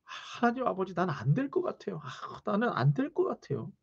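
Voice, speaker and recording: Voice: mid-range voice, expressive, moderate pace, husky, muffled recording. A preacher mimicking a defeated believer who sighs and whines to God. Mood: despairing. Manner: sighing, whining. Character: despairing believer complaining to God.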